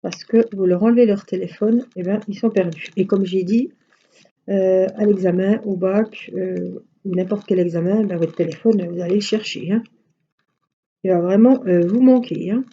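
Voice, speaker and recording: A woman's voice: mid-range voice, moderate pace, mellow, muffled recording, a little hiss or hum. A middle-aged woman chatting casually on a live stream, rambling through everyday anecdotes. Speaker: craft live-stream host.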